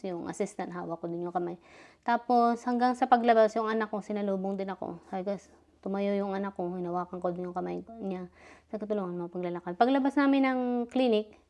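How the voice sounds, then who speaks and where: A woman's voice: medium pitch, a little mellow. A middle-aged woman, still a bit dizzy, chatting through a personal story and acting out the dialogue. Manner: chatty, retelling dialogue, frequent fillers. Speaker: vlogger. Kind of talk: casual storytelling vlog.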